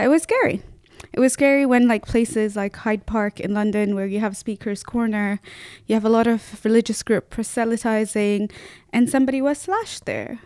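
A young woman co-hosting a podcast, chatting casually and telling lively stories. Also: fairly high pitch, clean tone, no echo, studio quality. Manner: lively, storytelling, quick laugh. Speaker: podcast co-host. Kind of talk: casual chat.

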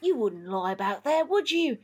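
A woman's voice: on the high side, big pitch swings, normal speed, darkish tone, slightly rough, voice pushed up. A woman reading aloud and voicing a teary old wizard with a mock Australian accent, breathless and breaking into giggles. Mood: pleading.

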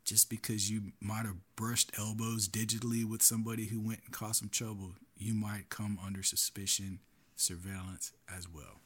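A man hosts his own podcast alone, talking to listeners in an earnest, cautionary way. His voice sits a bit low and has a husky, slightly breathy grain. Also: level tone, moderate pace, fairly bright tone. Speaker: podcast host. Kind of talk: solo podcast commentary.

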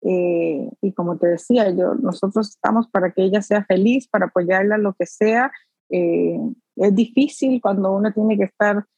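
A woman guest in an interview, a mother speaking earnestly and warmly with frequent filler sounds. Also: mid-range voice, normal speed, gravelly, dry recording, dull audio. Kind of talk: conversational interview.

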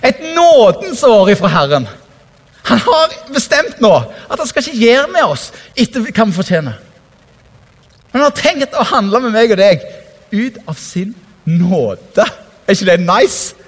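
A man preaching a lively, conversational sermon, laughing often and acting out quotes. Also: high-pitched, breathy edge, in a large hall.

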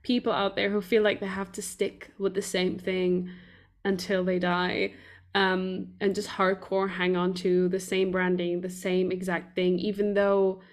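A woman hosting a casual podcast, talking loosely and rambling, thinking out loud as she goes. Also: mid-range voice, level tone, a little slow. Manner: rambling, loose, lots of fillers and restarts. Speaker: podcast host.

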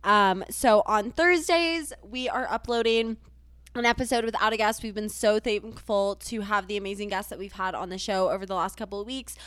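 A woman's voice: mid-range voice, moderate pace, fairly bright tone, clean tone, no echo. A young woman co-hosting a podcast, bubbly in casual chat and plugging the show. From southern US. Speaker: podcast co-host.

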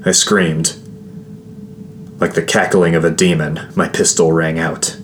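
A man reading a first-person fantasy novel aloud as an audiobook narrator, in a measured, grave storytelling manner. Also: low-pitched, little pitch movement, a little hiss or hum.

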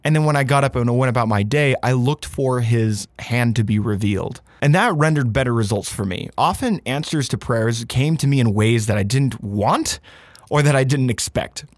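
A man hosting a podcast in a casual, candid personal monologue, chatty and informal with animated emphasis. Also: medium pitch, normal speed, no echo, clean studio sound. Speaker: podcast host.

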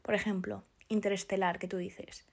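A young woman from chats in a loose, confessional monologue. She is self-deprecating and laughs often, filling pauses with little hesitations as she talks through her thoughts. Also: medium pitch, flat delivery, vocal fry, slightly rough. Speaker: podcast host.

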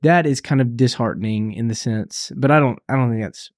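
A man co-hosts a church podcast in a relaxed, halting way, stopping on fillers and restarting his sentences. His voice sits at an ordinary middle pitch. The sound is dry and close. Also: dry recording. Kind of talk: casual conversation.

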